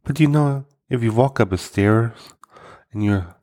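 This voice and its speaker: A man hosting a comedy podcast, telling self-deprecating stories and jokes in a dry, deadpan delivery. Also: mid-range voice, measured pace. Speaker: podcast host.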